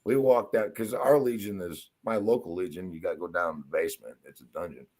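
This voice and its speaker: A man co-hosting a live stream, telling rowdy stories in a profane, excitable way. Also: low voice, brisk. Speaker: co-host. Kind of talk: casual live-stream chat.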